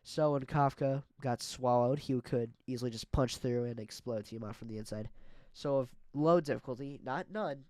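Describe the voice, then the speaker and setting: A YouTube battle-video host with a medium-pitched, slightly mellow voice discusses the matchups in an online monster battle at a moderate pace. His scripted yet casual commentary is hesitant and heavy with fillers, recorded with no echo.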